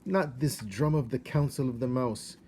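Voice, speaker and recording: A man's voice: medium pitch, normal speed, dark tone, slight background noise, voice pushed up, lightly acted. A man voicing a vain, dismissive mother mouse from a storybook, with a French accent and haughty manner. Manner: haughty, dismissive, oddly phrased English. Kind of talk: storybook character voice.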